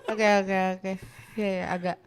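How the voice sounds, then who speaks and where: A woman hosting a casual interview, lively and quick to laugh and react. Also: mid-range voice, smooth. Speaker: interviewer host.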